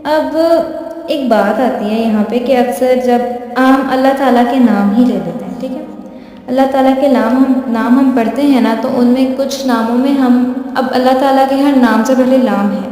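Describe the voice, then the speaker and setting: A woman's voice: high-pitched, dark tone. Patient woman teacher in an echoey room. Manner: patient, repeats points and checks with "okay"; slows and draws out recited Arabic examples. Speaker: tajweed teacher. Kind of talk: explanatory lesson. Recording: echoey room with long reverb.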